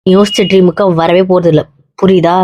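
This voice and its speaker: A woman's voice: lowish voice, fairly even intonation, quick pace, warm tone, no echo, natural voice. A young woman acting as a blunt married woman who lectures and comforts her heartbroken cousin, always asking if he understands. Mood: blunt teasing. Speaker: actor in a web drama. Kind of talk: web series drama acting. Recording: dull, muffled dry audio.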